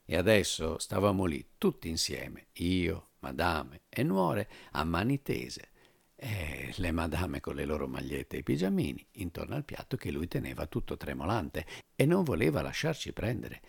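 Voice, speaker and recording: A man reading a literary memoir aloud as narrator, telling it in an expressive, wry way. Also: low-pitched, moderate pace, vocal fry, husky, dry recording.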